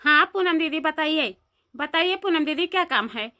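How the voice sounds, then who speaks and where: Brief: woman as a polite Awadhi daughter-in-law, bright and high. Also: expressive, moderate pace. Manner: polite, welcoming.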